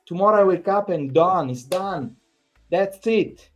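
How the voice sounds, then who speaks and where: A man vents after a bad match, his voice sitting slightly high. He repeats himself and swears, sounding thoroughly fed up. Faint music plays underneath. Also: a little slow. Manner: exasperated, repetitive, swearing. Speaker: fan channel host. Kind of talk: angry post-match reaction rant.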